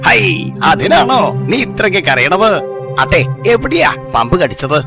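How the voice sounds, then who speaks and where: A man's voice: sits high, sing-song, unhurried, music in the background, full character voice. A man voicing a pompous, grumpy middle-aged lord in a kids' cartoon, who scolds his servant haughtily and speaks of himself as "we". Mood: boastful. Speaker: title character of a cartoon.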